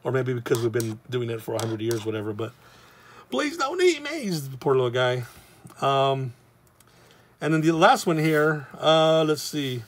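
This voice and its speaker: A man's voice: mid-range voice, steady tone, normal speed, slight background noise. A middle-aged man, teaching how to draw comics in a loose, rambling, casual way. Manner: rambling, loose and chatty, with many fillers. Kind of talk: casual drawing tutorial.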